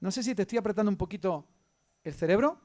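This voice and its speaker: A man with an Andalusian Spanish accent preaches with a high-pitched voice. He swings between loud, emphatic lines and hushed, intimate storytelling. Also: quick pace. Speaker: pastor. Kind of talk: sermon.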